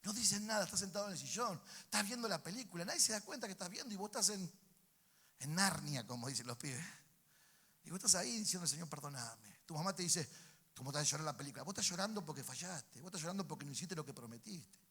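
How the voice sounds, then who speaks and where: A pastor with a Rioplatense Spanish accent delivers a sermon in a somewhat high, bright, forceful voice. He calls out to the congregation for responses and swings between emphatic peaks and hushed passages. The sound carries the long reverb of a church sanctuary. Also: animated, fast talker, slightly rough. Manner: preaching with call-and-response to the congregation.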